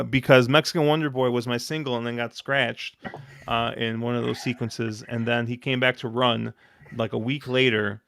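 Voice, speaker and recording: A man hosting a casual podcast, telling long, excitable stories full of fillers and restarts. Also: medium pitch. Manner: rambling, excitable storytelling with many fillers. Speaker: podcast host.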